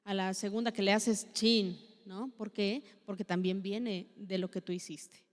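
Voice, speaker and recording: A woman's voice: medium pitch, fairly even intonation, measured pace. Mexican woman preaching in a reverberant hall. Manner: chatty, asks many rhetorical questions. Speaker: speaker at a women's church meeting. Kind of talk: conversational sermon. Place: church hall.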